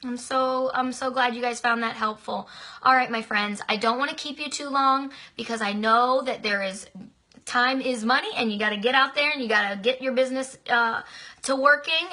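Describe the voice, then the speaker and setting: A woman's voice: a little high, normal speed, sharp tone. A chatty, effusive woman giving a motivational live-stream talk to her business team, answering viewer comments and repeating herself affectionately. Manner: chatty and effusive, talks at length.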